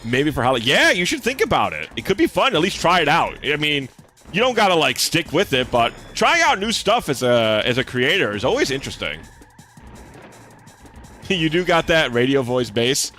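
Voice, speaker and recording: While gaming on a live stream, a young man talks casually with his viewers, relaxed and sprinkled with swearing, and he has a slight lisp. His relatively deep voice is very animated, at normal speed, pushed and bright, with soft background music.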